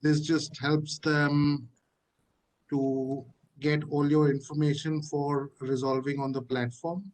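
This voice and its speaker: A man presenting a platform walkthrough on a video call, halting, with many fillers and restarts. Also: on the high side, flat delivery, darkish tone, low-quality recording. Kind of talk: live webinar walkthrough.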